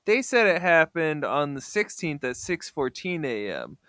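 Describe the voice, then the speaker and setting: A man's voice: a little high, sing-song, a little slow, pushed and bright, dry recording. A man co-hosting a casual comic book club podcast, joking and enthusiastic about the panels. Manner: joking, enthusiastic, looks facts up mid-chat. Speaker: podcast co-host.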